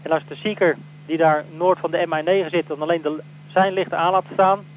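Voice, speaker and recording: A man's voice: a little high, fairly even intonation, brisk. Hesitant man coordinating over a two-way radio. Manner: hesitant, many filler sounds while relaying details. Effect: heard over a marine two-way radio. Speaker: rescue coordination radio operator. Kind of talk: marine radio procedure. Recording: muffled radio channel with faint noise.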